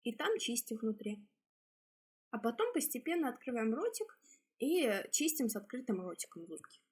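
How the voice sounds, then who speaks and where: A woman speech therapist with a slightly husky voice explains exercises step by step in a halting, instructional way. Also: fairly high pitch, big pitch swings, a little mellow.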